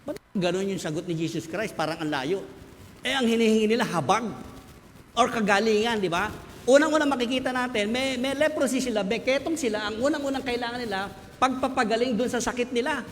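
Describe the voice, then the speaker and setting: A man's voice: extremely high pitch, a little fast, a little hiss or hum. A man with a Filipino accent preaching a sermon, explaining scripture in mixed English and Tagalog with rhetorical questions. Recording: long hall reverb, faint ambience.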